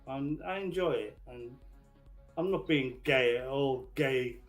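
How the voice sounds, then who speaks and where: A man chatting casually on a livestream panel, rambling and halting, with slow, drawn-out, repetitive speech. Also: medium pitch, faint music behind. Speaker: panel caller and channel supporter.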